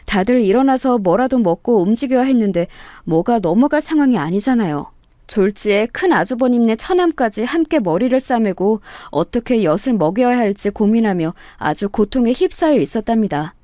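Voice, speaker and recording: A woman's voice: on the high side, expressive, normal speed, mellow, no room sound. A woman narrating a true family story in a conversational storytelling manner on a close mic. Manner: conversational storytelling, heated when quoting herself.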